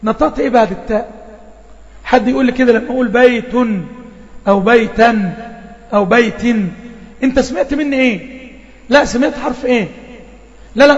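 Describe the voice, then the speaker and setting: A man with an Egyptian accent teaching Quran recitation rules, patiently repeating points and quizzing his students. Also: extremely high pitch. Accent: Egyptian Arabic. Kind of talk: online tajweed lesson. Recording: dull lo-fi audio with reverb.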